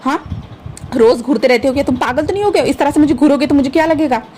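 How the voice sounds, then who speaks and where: A woman's voice: high voice, lively intonation, very fast, a little hiss or hum. A woman voicing a feisty, hot-tempered young male office worker who fires off scolding questions in a fan fiction story. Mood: angry. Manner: snappy scolding questions, shouting.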